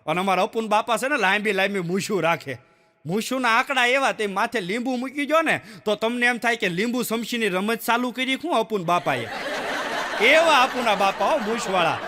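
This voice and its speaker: A stand-up comedian with a bright, ringing voice tells folksy jokes, acting out the people in his stories. His voice carries a long echo through a large hall. Audience laughter rises between his lines. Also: high voice, fairly quick. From Gujarat, India. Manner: animated storyteller who acts out the people in his jokes. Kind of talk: folksy stand-up joke telling.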